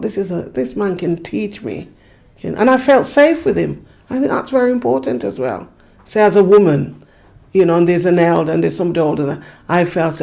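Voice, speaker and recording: Gravelly-voiced woman reminiscing. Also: low voice, darkish tone. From Jamaica. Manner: earnest, thoughtful, frequent restarts and "you know". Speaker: community activist. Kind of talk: reflective interview recollection.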